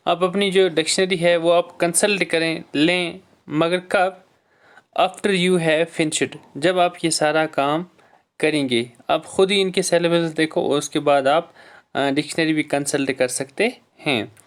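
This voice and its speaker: A male English teacher giving a classroom lesson on syllables. He reads each English line slowly, explains it in Hindi, calls his students dear children and clears his throat often. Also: on the high side, steady tone.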